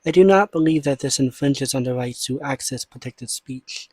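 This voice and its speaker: A man delivering scripted commentary in a measured, formal way, as an online content creator. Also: mid-range voice, breathy edge, no room sound. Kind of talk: scripted commentary, reading and responding to statements.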